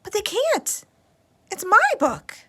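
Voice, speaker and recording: A woman voicing an excitable little girl who pleads in an insistent, sing-song way while reading a storybook aloud. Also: medium pitch, moderate pace. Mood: insistent pleading.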